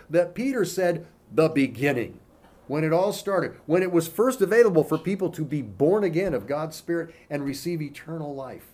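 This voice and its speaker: Speaking in a fairly high voice, this man leads a laid-back pastoral teaching, dropping informal asides and lots of "you know" between scripture readings.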